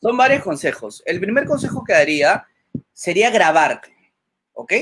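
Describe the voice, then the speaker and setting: A man's voice: sits high, big pitch swings, moderate pace, a bit bright, husky. A man giving public speaking advice as a webinar guest, checking in with "ok?" after nearly every point and acting out short example lines. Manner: acts out example lines in a changed voice.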